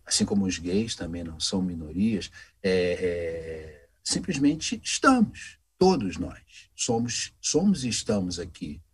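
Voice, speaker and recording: A man with a husky voice tells stories in a relaxed interview. His pitch swings widely and he slips in quick voices for the people he describes. It is casual, expressive talk. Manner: animated, acts out voices in anecdotes. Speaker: voice actor guest.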